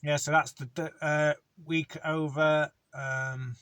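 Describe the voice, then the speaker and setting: A man's voice: fairly high pitch, level tone, slow pace, fairly bright tone, no room sound. A man, a van courier, chatting casually to camera in a rambling way with lots of ums. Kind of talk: casual vlog talk to camera.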